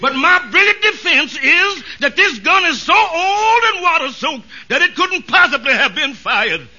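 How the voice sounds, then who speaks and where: A man's voice: very high voice, lively intonation, a little slow, sharp tone, exaggerated voice. A man playing a brash, shifty comic lawyer in an old radio sitcom, theatrical and boastful. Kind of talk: 1950s American radio sitcom acting. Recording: muffled old radio recording.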